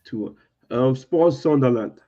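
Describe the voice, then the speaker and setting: Tinny, bassless man chatting football. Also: measured pace, dark tone. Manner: hesitant, lots of fillers and restarts. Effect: tinny voice with no bass. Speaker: podcast host. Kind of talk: casual football chat. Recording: thin lo-fi audio lacking bass.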